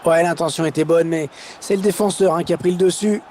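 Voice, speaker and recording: A man commentating on a football match in an excited play-by-play style, his voice rising at chances and goals. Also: fairly high pitch, fairly quick, slight background noise, close to an everyday voice. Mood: engaged. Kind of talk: excited goal-call sports commentary.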